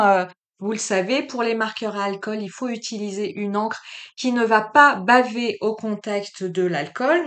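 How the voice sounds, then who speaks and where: A woman hosting a craft tutorial, chatting casually to her viewers and filling pauses with frequent "euh" and "hein". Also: mid-range voice, fairly bright tone. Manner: friendly, talks straight to the viewers. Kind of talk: casual how-to narration.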